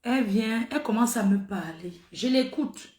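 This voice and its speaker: A woman's voice: fairly high pitch, animated, normal speed, darkish tone, reverberant. A middle-aged woman telling a story to her viewers in a casual, emphatic way, repeating phrases for effect. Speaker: social media personality.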